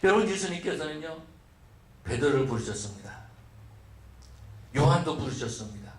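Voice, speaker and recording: A man preaching a sermon as pastor, asking his listeners rhetorical questions and acting out their complaints. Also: fairly high pitch. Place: church sanctuary. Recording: echoey church mic from a distance.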